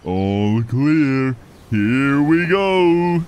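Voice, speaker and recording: A man's voice: medium pitch, animated, drawn-out words, a little mellow, clear, resonant tone. A man voicing a friendly, drawling cartoon character in a children's show. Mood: eager. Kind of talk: animated preschool cartoon dialogue. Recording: music bed under the voice.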